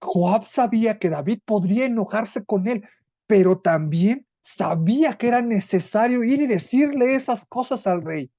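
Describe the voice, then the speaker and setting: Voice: medium pitch, animated, normal speed, dark tone, no echo, muffled recording. A Bible study teacher with a Mexican accent, reading scripture aloud and explaining it in an earnest way, with small restarts.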